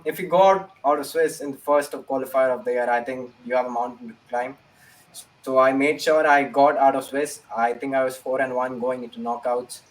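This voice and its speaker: A young man, answering interview questions about his matches in an earnest way and repeating his key phrases. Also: medium pitch. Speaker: esports player. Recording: voice distant from the mic.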